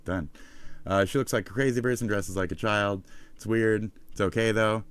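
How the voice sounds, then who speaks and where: A man's voice: on the low side, fairly even intonation, normal speed, clear, resonant tone. A man streaming live, giving heated, profane, sarcastic commentary.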